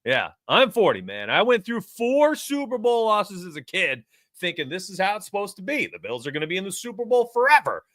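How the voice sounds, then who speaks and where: A man's voice: high voice, a little fast, dry recording, clean studio sound. A forty-year-old man from New York, hosting a sports betting live stream and chatting energetically with his viewers. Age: 40s. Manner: energetic, talks straight to chat. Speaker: sports betting show host. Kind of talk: casual live-stream chat.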